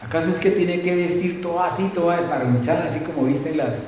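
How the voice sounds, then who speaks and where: A man's voice: fairly high pitch, fast, darkish tone, a little hiss or hum. A middle-aged male pastor preaching a sermon conversationally, with frequent tag questions and acted-out anecdotes. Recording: very echoey church room.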